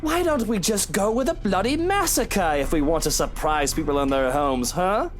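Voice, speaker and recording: A man's voice: high voice, animated, moderate pace, faint music behind. Smug rich man, mocking, voice swings a lot. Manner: condescending, mocking. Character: smug arrogant wealthy mansion owner, man.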